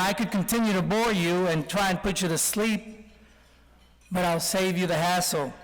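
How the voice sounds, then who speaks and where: A Colombian man in his forties, raised partly in Texas from childhood, gives an informal guest speech full of anecdotes and self-deprecating jokes. His voice is high, carried over a PA in a reverberant hall.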